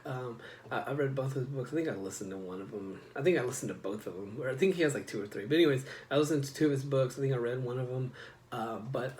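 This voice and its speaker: A man talks casually to his audience in a personal vlog, his voice sitting at an ordinary middle pitch. He rambles, circling back with fillers and restarts as he goes. There is a faint noise in the background. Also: a little mellow. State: getting emotional. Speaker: vlogger. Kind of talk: casual personal talk to camera.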